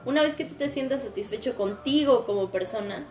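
A woman's voice: on the high side, a little fast, darkish tone. A young woman with a Mexican accent in casual podcast chat, frank and slangy, swearing freely. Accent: Mexican Spanish. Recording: echoey room with faint music.

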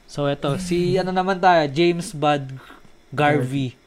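A man with a Filipino accent chatting casually as a podcast co-host. He tells stories and reads them aloud, stumbling over words and often pausing to search for them. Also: on the high side. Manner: relaxed and halting, reading stories aloud in stumbling English. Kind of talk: casual chat.

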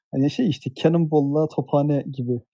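A man's voice: on the high side, mellow, dry recording. A man chatting casually on a podcast, hesitant, with many fillers and restarts. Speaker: podcast co-host. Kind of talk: casual chat.

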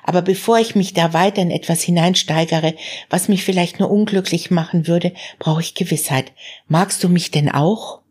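Female reader as shy, earnest young woman in her twenties, low husky tone. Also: normal speed, a little mellow.

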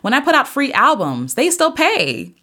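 A woman in her thirties hosting a podcast, talking earnestly and preachily in a casual motivational monologue, with sudden jumps up in pitch. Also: wildly swooping pitch, normal speed, sharp tone. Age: 30s. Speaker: podcast host and singer.

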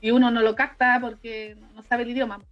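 High-voiced Chilean woman chatting. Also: little pitch movement, fairly quick, dull audio. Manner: chatty, hesitant, trailing restarts. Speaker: podcast co-host. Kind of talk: casual anime review chat.

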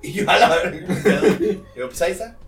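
Young Mexican man, lively podcast co-host telling stories, a bit high, in a roomy space off-mic. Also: normal speed, gravelly, far from the mic, soft background music. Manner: slangy, storytelling, laughs often. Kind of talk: casual chat.

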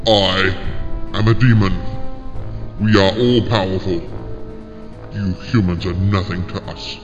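A man voicing a proud, menacing ancient demon who speaks in slow, grandiose declarations. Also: low-pitched, flat delivery. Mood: imperious. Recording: dull lo-fi with long reverb and music.

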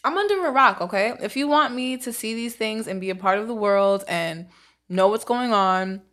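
A woman's voice: medium pitch, moderate pace. Joking woman guest eating mid-chat. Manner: joking, playfully defensive. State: eating while talking. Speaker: guest, author and podcaster. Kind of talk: casual chat.

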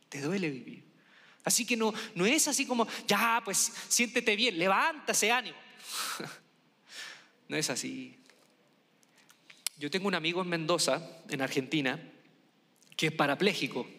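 Man, high voice, bright, emphatic storytelling, lecture-style talk, long hall reverb. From Chile. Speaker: speaker.

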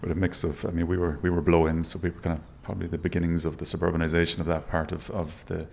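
Middle-aged male interviewee, west of Ireland accent, very deep and creaky, reflective delivery. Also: level tone, fast, darkish tone. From Galway, west of Ireland. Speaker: interview guest, architect.

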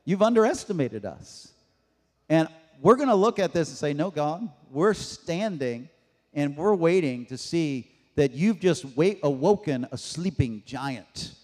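A man preaching a sermon, rising to shouts at times and laughing between points. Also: on the high side, very animated, a little slow, big-room sound. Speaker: pastor.

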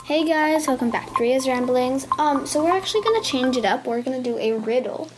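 Over a noisy background, a young podcast host talks fairly quickly in a high voice. Chatty and eager, she interviews her grandmother on her casual show, saying um a lot.

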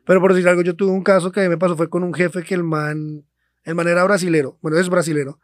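A man's voice: sits high, flat delivery, quick pace, no echo, studio quality. A young man with a Colombian accent, co-hosting a podcast. He tells a long story in loose slang, swearing freely. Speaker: podcast co-host. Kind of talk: casual storytelling chat.

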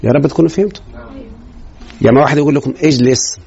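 A man's voice: a little high, very fast, vocal fry, darkish tone. A man with an Egyptian Arabic accent teaching a grammar lesson in a classroom, quizzing students with rhetorical questions. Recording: dull lo-fi recording.

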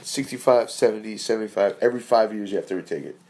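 A young man in casual chat, laughing often and swearing as he tells animated stories. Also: fairly low pitch, fast.

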